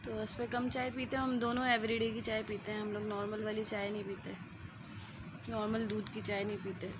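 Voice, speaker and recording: A woman's voice: mid-range voice, little pitch movement, fairly quick. A young woman chatting casually in a home vlog, then soothing and coaxing her child. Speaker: vlogger. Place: home bedroom. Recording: noisy home recording.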